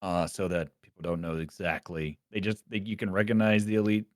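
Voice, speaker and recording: A man with a very deep voice runs a tabletop game, explaining things loosely and full of fillers. The sound is dry and close to the mic. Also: steady tone, a little fast, no room sound. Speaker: game master.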